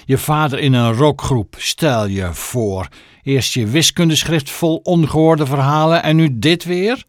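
A man voicing a stern, snobbish mother with political ambitions, shrill and scolding, for an audiobook. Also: unhurried, no room sound, clean studio sound, lightly acted. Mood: indignant. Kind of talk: audiobook character voice.

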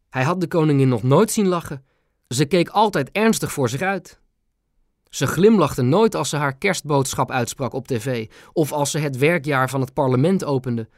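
A man narrating a children's audiobook in an expressive, animated storytelling manner. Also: a little high, no room sound, studio quality.

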